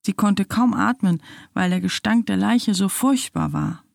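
Slow, gravelly woman narrating a story. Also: medium pitch, darkish tone, no echo, clean studio sound.

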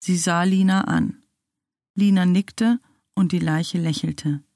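Slow, gravelly woman narrating a story. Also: on the low side, fairly even intonation, darkish tone, dry recording, studio quality.

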